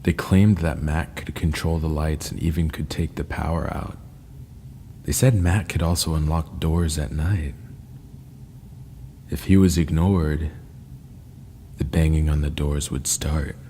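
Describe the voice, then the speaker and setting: A man narrating scary first-person stories in a slow, ominous storytelling manner. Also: very deep voice, steady tone, mellow. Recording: long reverb with faint ambient noise.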